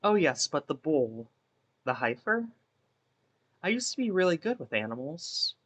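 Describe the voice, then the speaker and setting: A man playing a guilt-ridden, imprisoned female ex-baseball pitcher in a wistful, theatrical dramatic monologue that rambles and interrupts itself. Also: big pitch swings, measured pace, a bit bright, heavily acted. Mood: wistful, rambling.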